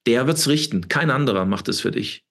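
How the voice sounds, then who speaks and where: Husky fifties male guest, emphatic and preaching, rough-edged voice, mid pitch. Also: lively intonation, fairly quick, fairly bright tone. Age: 50s. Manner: preachy, emphatic, repeats words and tags with "ne?". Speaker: interview guest. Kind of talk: impassioned interview talk.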